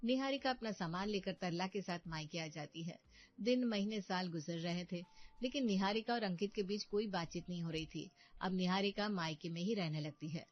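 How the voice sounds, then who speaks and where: A woman giving scripted narration for an animated story, steady and even. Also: lowish voice, normal speed, lo-fi sound.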